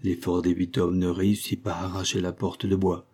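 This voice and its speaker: A man narrating a literary sea story in a measured reading voice. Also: low voice, little pitch movement, mellow, breathy edge. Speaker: audiobook reader.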